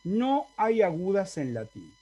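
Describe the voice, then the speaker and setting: Slow, mellow-voiced male Latin teacher. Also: high voice, wildly swooping pitch. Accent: Argentine Spanish. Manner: explanatory, asks the class for confirmation. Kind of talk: online lecture. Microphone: video call.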